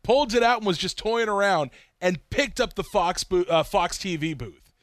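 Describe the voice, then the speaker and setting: A man co-hosting a casual racing podcast, an animated storyteller who acts out quotes. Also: high voice, moderate pace, dry recording. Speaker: podcast co-host. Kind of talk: casual chat.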